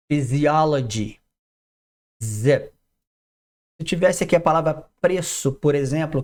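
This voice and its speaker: A man's voice: a little high, darkish tone. A man teaching English pronunciation, reading out word lists one by one with short explanations in between. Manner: slow, drawn-out word drills with explanations. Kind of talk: didactic pronunciation lesson.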